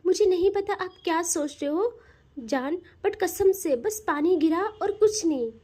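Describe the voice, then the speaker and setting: A woman's voice: extremely high pitch, lively intonation, a little slow, darkish tone. A woman voicing a young woman in love who coaxes, pleads and turns possessive, in a spoken audio love story. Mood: pleading.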